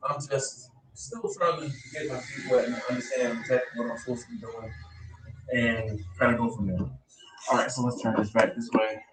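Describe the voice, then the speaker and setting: A man's voice: medium pitch, steady tone, moderate pace, over music. A man from Philadelphia hosting a casual live stream, telling a rambling story with lots of fillers, his voice muffled and echoing as if in a tunnel. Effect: muffled echoing tunnel-like audio. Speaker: livestream host. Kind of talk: casual chat. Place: outdoors near a pellet smoker. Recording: echoey distant stream audio with crowd noise.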